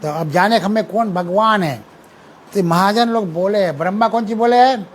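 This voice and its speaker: A man delivers a scripture sermon in with a high, light voice. He explains patiently and breaks into recited Sanskrit verses. A faint background hiss runs under his words. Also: normal speed, poor audio. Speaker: preacher lecturing on scripture.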